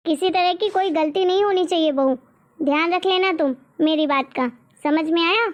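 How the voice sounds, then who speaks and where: High-pitched voice, strict nagging cartoon mom, a woman voicing her, lecturing, scolding. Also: normal speed. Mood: instructing. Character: strict nagging middle-aged mother. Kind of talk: cartoon story voice acting.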